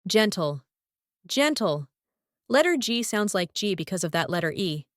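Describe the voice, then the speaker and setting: A woman's voice: on the low side, big pitch swings, a little fast, no echo, clean studio sound. A woman with a Lithuanian accent teaching English pronunciation, saying each example word several times. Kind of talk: pronunciation lesson, repeating example words.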